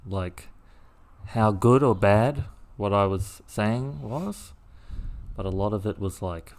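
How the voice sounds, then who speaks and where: A man co-hosting a podcast, musing in a halting casual chat with many restarts. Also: on the low side, a little mellow. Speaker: podcast co-host.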